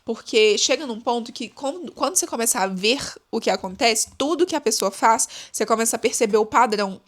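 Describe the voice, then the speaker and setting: A young woman hosting a casual advice podcast, talking in an expressive, chatty way and often calling out to her listeners. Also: fairly high pitch, a little fast. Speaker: podcast host.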